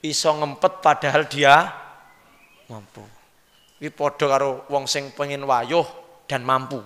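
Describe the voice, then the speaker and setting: A man with a Javanese accent giving a lively sermon, often questioning his audience directly. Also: medium pitch, unhurried. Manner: lively, questions the audience, mixes in local words. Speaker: preacher. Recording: long hall reverb.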